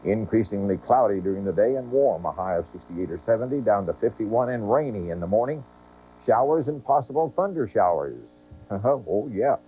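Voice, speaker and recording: A man giving a folksy TV weather forecast with chatty, relaxed asides. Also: fairly low pitch, moderate pace, a little hiss or hum. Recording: tinny, lo-fi broadcast tape.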